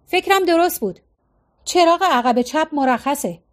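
A grumbling, stubborn middle-aged husband who nags about every small fault, as a woman reads him in a storybook. The voice sits fairly high and bright for a man. It keeps a complaining, told-you-so tone. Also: lively intonation. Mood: fussy. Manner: complaining, nagging.

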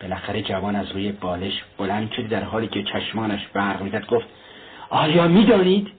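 A man reading a novel aloud in a steady, literary narration. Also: on the low side. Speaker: audiobook narrator. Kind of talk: scripted narration. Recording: tinny lo-fi recording, faint hiss.

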